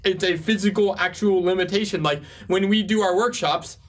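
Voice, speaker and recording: This is a man co-hosting a webinar Q&A in a relaxed, conversational way. His voice sits a little higher than most men's, and he leans on "like" and vivid everyday examples as he talks things through. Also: moderate pace. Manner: casual, talky, fond of "like" and vivid examples. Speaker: co-host reading viewer questions. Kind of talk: live webinar Q&A chat.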